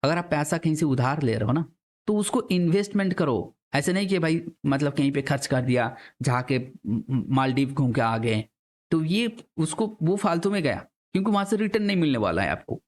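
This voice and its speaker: A man's voice: on the high side, lively intonation, moderate pace. A young man teaching an exam-prep class in a chatty lecture style, switching into English terms and throwing rhetorical questions at his students.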